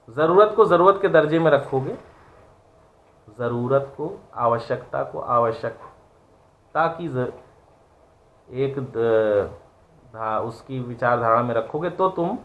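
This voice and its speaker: A man gives a moral lecture for an online class, in a medium-pitched voice. He talks earnestly and preachily, and keeps asking his listeners rhetorical questions. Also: fairly bright tone.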